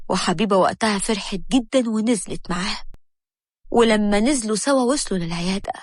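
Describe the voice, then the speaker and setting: A woman narrating a scripted story in an Egyptian accent, with steady storytelling. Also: medium pitch, fast, dry recording.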